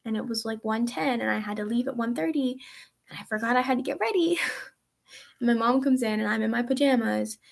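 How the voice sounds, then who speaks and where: A teenage girl chats in a casual vlog, answering viewer questions in a rambling way full of ums and likes. Her voice is a little high and brisk, with vocal fry.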